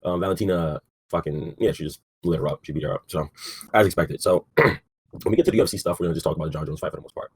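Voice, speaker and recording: A man's voice: low-pitched, very fast, slight background noise. A young man co-hosting a casual sports podcast, laid-back, filling his talk with "like" and "um" and swearing casually. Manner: laid-back, says 'like' and 'um' a lot, swears casually. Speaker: podcast co-host.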